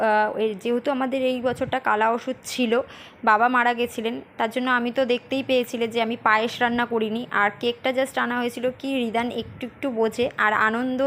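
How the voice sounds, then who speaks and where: A woman in her thirties talks through a home video in a chatty, meandering way, full of fillers and restarts. Her voice sits fairly high for a woman. There is clear background noise from the home around her. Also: sharp tone. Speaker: vlogger. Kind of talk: casual home vlog narration. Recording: noisy home ambience.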